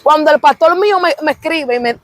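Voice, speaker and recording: A woman's voice: sits high, brisk, dry recording. A young woman tells her religious testimony in an interview, fervent and repetitive, breaking into praise. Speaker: interview guest.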